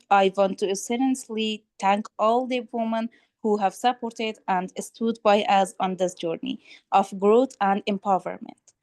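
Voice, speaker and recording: A young woman from Afghanistan gives a grateful, somewhat hesitant message over a video call. Her pitch is ordinary, and her voice comes through dry and close. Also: a little mellow, no room sound. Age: young adult. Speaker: program participant. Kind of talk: prepared thank-you message.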